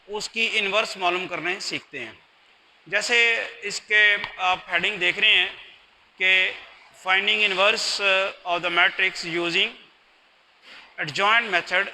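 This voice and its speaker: A man's voice: high voice, pushed and bright, slight background noise, rough recording. A man giving a recorded math lecture, patient and explaining step by step. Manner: patient, explains step by step, mixes in English terms.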